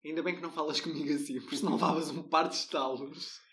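A man's voice: fairly high pitch, steady tone, racing, a bit bright. A young man with a European Portuguese accent, teasing his friend playfully in casual chat. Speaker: co-host.

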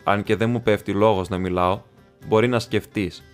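A man voicing a grim, guarded ranger who speaks low, quiet and measured. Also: fairly even intonation, smooth, faint music behind, natural voice. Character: grim weathered male ranger, guarded and stern.

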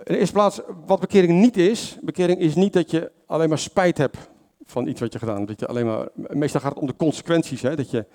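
A lay preacher rattles through an informal sermon, fast and with few pauses, in a fairly high, slightly mellow voice. He speaks conversationally, stumbling into fillers, fixing his own words, and asking his congregation questions.

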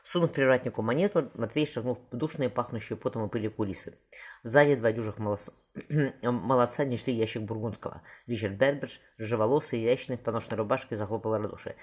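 A man reads a historical novel as an audiobook, quickly and with animation. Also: mid-range voice, darkish tone. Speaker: audiobook reader. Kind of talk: audiobook narration.

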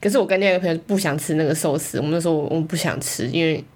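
Quick, low-voiced woman complaining. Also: darkish tone, breathy edge. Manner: indignant, complaining. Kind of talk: casual chat.

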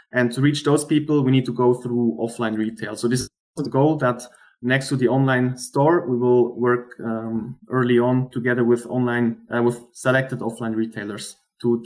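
In a slightly mellow voice, a man playing the role of a startup founder gives a practiced investor pitch. He explains things earnestly, pausing haltingly at times.

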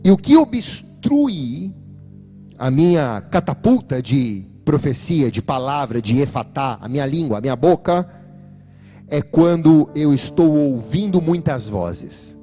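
Animated Brazilian pastor preaching fervently. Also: male voice, a little high, measured pace, soft background music. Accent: Brazilian Portuguese. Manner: emphatic, preachy, addresses the congregation directly. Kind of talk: fiery church sermon.

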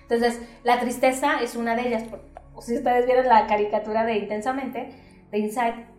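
A Mexican woman therapist explaining things in lively conversation, acting out quoted voices with many fillers. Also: on the high side, moderate pace, faint music behind. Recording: roomy, distant mic.

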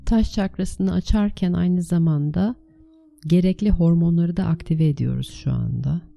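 Female meditation guide: lowish, very mellow voice, soothing and unhurried, gentle instructions with spacious pauses. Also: vocal fry, soft background music. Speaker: meditation teacher leading a guided meditation.

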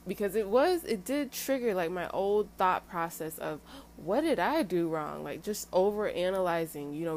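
Young woman vlogging, kinda low voice, chatty and candid, faint hum behind her. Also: darkish tone. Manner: candid and chatty, laughs at herself, emphatic asides. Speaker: vlogger sharing dating lessons. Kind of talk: casual personal talk to camera.

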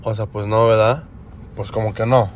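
A young Mexican man with a lowish, fairly even voice rambles casually at a normal pace on his podcast, full of slang and fillers, in Mexican-accented Spanish. It's an everyday monologue with faint background noise.

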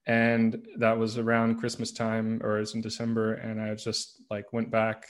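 A man from the United States, a podcast guest, telling his story in a relaxed, rambling way. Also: on the low side, moderate pace. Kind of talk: casual interview conversation.

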